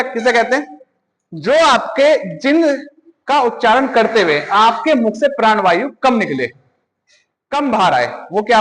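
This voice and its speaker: A man's voice: high voice, a bit bright, in a large hall, poor audio. A man teaching an exam-prep grammar lesson, asking questions and answering them himself, repeating key points.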